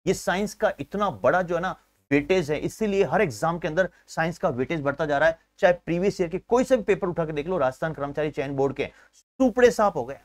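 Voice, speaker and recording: A man teaching an exam-prep science class, energetic, building memory tricks and calling viewers his friends. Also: fairly high pitch, a little fast, no room sound. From India. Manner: energetic, uses memory tricks and asks himself questions; keeps addressing viewers as friends.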